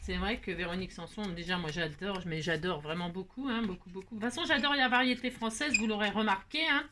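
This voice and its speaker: A woman's voice: mid-range voice, quick pace, sharp tone, slight background noise. A woman hosting a card-making tutorial, talking casually and playfully to her viewers, narrating each step with little teasing asides. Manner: narrates her hands, frequent "hop" and filler words. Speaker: craft tutorial host.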